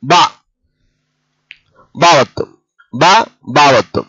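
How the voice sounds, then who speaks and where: A man's voice: on the high side, lively intonation, slow pace, sharp tone, breathy edge, no room sound, lo-fi sound. A man teaching a step-by-step lesson on writing letters, patient and repeating each letter. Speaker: Telugu script teacher.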